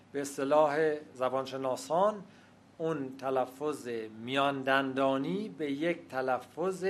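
A man giving an academic lecture, speaking in a measured, explanatory way and pausing often with hesitations. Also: medium pitch, fairly bright tone. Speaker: lecturer on language history.

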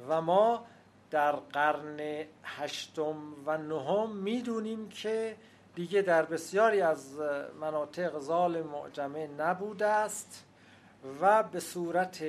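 A man giving an academic lecture, speaking in a measured, explanatory way and pausing often with hesitations. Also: high voice. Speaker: lecturer on language history.

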